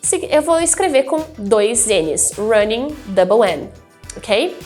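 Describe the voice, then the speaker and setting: High-voiced Brazilian woman teaching grammar. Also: animated, slow, darkish tone, faint music behind. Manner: patient, repeats key terms, frequent "ok?" checks. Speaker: English teacher. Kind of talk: explaining grammar rules.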